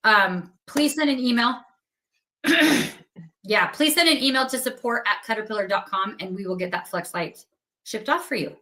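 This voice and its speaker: A woman's voice: a little high, expressive, normal speed, sharp tone. A woman hosting a live craft sales stream, chatty and upbeat, giving away prizes and reading out winners. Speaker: livestream host for a craft company.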